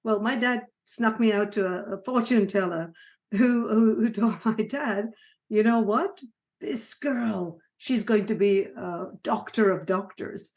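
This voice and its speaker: A middle-aged woman from Sri Lanka, a psychiatrist guest on an interview, talking warmly with frequent laughs and restarts. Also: mid-range voice, measured pace. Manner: warm, laughing, many restarts. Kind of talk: conversational interview.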